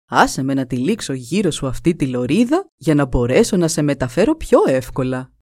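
Woman voicing a stubborn young hero, eager and loud; lively pitch, dry. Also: no room sound. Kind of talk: storytelling.

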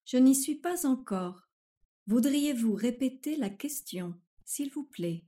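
An actress plays a fussy, overly courteous woman who can never follow what is asked. She speaks very slowly and deliberately in a mellow, darker tone, in a surreal comic sketch. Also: high voice, animated. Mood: overly polite. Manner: formal, deliberate, fussy politeness. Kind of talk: surreal comic dialogue acting.

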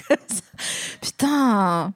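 A woman's voice: medium pitch, expressive, drawn-out words, crowd noise. A woman hosting a podcast in casual chat, playful, theatrical and swearing freely. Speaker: podcast host.

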